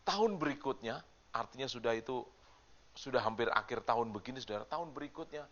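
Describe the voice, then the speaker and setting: A male pastor giving a sermon, moving between loud preaching and quiet storytelling and asking the congregation questions. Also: mid-range voice, expressive, quick pace, muffled recording.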